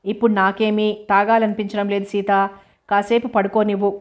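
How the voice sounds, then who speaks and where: A woman's voice: mid-range voice, level tone, brisk, close to an everyday voice. A woman narrator voicing a feverish, stubborn young man who is petulant and demanding from his sickbed.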